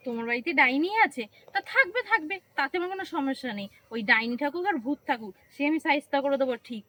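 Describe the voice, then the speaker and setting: A woman playing a bold, self-assured new bride who talks brashly and fast, in a comedy skit. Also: sits high, expressive, pushed and bright, low-quality recording. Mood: coaxing.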